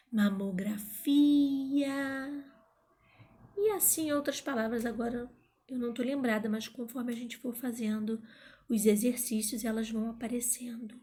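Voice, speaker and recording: In a playful grammar class, a woman with a voice on the high side sometimes shouts words out to locate their stressed syllable.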